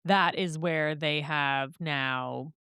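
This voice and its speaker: A woman's voice: low voice, bright, forceful tone, clean tone, no room sound, clean studio sound. A young woman co-hosting a book podcast, talking casually and often chiming in to agree. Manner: conversational, quick agreeing interjections. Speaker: podcast co-host.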